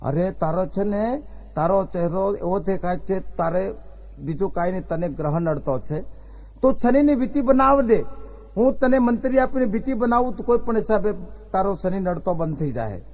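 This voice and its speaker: A high-pitched man spinning jokes on stage. He tells folksy comic stories and slips into the characters' lines as he goes. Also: animated, moderate pace, darkish tone, a little hiss or hum. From Gujarat, India. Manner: folksy joke-telling with acted dialogue. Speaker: stand-up comedian.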